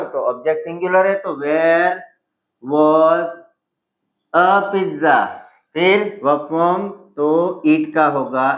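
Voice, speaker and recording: A man teaching a grammar lesson in a fairly high voice, talking slowly and patiently. He mixes Hindi explanations with English example sentences and spells words out letter by letter. The sound is dull and lo-fi, in an echoey room. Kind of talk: classroom-style grammar lesson.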